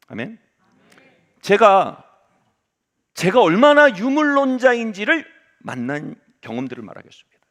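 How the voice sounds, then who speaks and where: A middle-aged male pastor delivering a Sunday sermon, telling a personal story and swinging between loud exclamations and hushed asides. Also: fairly high pitch.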